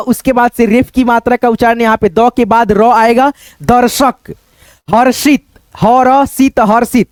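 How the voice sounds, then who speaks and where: A man teaching how to read difficult Hindi words, sounding out each syllable slowly and repeating words, often checking in with his viewers. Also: extremely high pitch, no room sound. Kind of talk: step-by-step spelling lesson.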